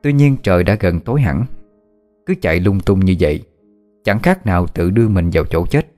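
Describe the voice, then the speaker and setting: A man narrating a dramatic story in a steady, measured storytelling manner. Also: low voice, soft background music.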